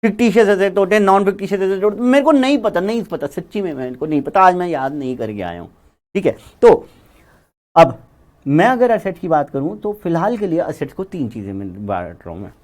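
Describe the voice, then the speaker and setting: Animated male accounting teacher. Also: high-pitched, fairly quick. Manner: animated, repeats key words, chatty. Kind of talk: classroom lecture.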